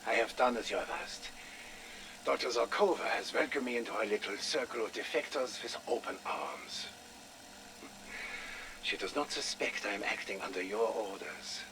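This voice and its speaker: In a noisy, radio-style video game audio log, a male actor with a lowish voice plays a sinister German doctor, a torturer and gloating Soviet operative. Speaking at normal speed in a lightly acted German accent, he sounds smug and deferential, theatrical and menacingly polite, savouring his words.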